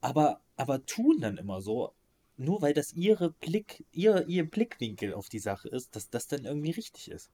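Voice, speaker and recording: A man's voice: on the high side, sing-song, normal speed, dark tone. A man co-hosting a podcast in casual chat, ranting emphatically in slangy words and often restarting his sentences. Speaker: podcast co-host.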